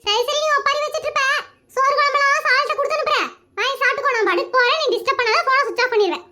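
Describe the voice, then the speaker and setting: A fussy, dramatic cartoon village woman who scolds and whines nonstop. Her voice is very high, bright and cutting, like a sped-up cartoon. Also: rapid-fire, full character voice. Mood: scolding. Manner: scolding, comic whining. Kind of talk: animated cartoon voice acting.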